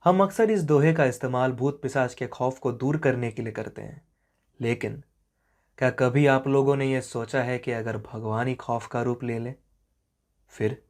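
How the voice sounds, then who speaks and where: A man tells a spoken horror story with dramatic, suspenseful narration. His delivery is slow and often falls to a quiet hush at the tense moments. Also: medium pitch, fairly even intonation.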